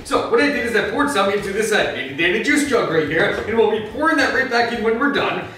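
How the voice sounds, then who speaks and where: With a full character voice, a man plays a flustered Batman, gruff and brooding, hosting a comedic cooking show in his home kitchen, rambling through the steps and erupting in anger as he explains. He talks fast in a high-pitched, very animated, pushed, bright voice. The mic is distant, the room very echoey, and faint music plays.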